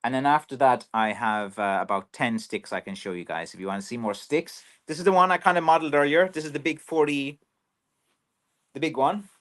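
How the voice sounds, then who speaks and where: A man's voice: medium pitch, fairly quick, fairly bright tone. An Irish man who makes walking sticks for a living, chatting casually on a livestream, rambling with lots of fillers. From Ireland. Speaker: professional stick maker. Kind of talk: casual livestream chat reading viewer comments.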